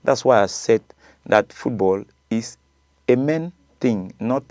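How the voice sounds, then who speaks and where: A man's voice: mid-range voice, animated, takes it slowly, darkish tone, no room sound, clean studio sound. A man with a Nigerian accent, a coach, arguing his point in a casual debate, repeating words and laughing often. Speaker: coach and show guest.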